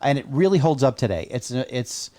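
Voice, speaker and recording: A man's voice: mid-range voice, lively intonation, moderate pace, dark tone. A man co-hosting a casual podcast, rambling along good-naturedly. He talks loosely, with plenty of "like" and "you know," and cracks dry jokes. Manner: chatty, jokey, many fillers. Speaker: podcast co-host. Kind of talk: casual chat.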